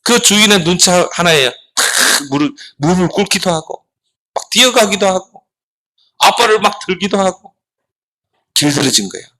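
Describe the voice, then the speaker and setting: A middle-aged man preaches to a room of children in a bright, slightly high voice. His pitch swings widely as he tosses out questions and answers them himself. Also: animated, moderate pace, low-quality recording. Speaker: pastor. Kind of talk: children's sermon.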